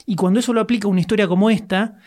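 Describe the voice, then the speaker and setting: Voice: medium pitch, fairly even intonation, rapid-fire, darkish tone. Enthusiastic Argentine podcast co-host. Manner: enthusiastic, emphatic praise. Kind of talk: casual chat.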